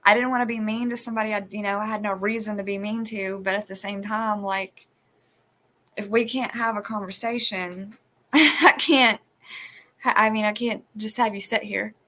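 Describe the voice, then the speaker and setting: A woman's voice: medium pitch, little pitch movement, fairly quick, fairly bright tone. A woman hosting a live stream, chatting casually and rambling with many restarts. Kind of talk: casual chat. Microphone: phone.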